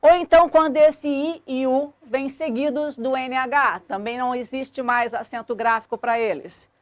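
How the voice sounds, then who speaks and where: A woman, explaining a grammar lesson clearly and methodically as a teacher. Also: high voice, steady tone, moderate pace, no echo.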